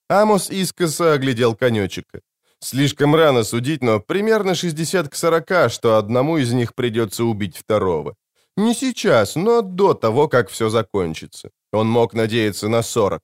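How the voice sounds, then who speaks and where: Lively male audiobook narrator, dry sound. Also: mid-range voice, normal speed, no echo.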